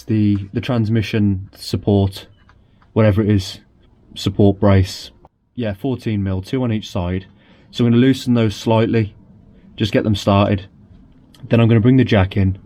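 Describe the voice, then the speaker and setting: A man's voice: on the low side, steady tone, normal speed, dark tone. A man hosting a casual car repair vlog, chatting and thinking aloud with dry asides as he works in a garage. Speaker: car repair channel host.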